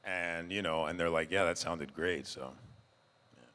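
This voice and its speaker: A man's voice: low voice, unhurried, pushed and bright. A male voice actor telling laughing anecdotes to fans on a convention panel. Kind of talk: live convention panel storytelling. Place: large convention hall. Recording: echoey convention hall.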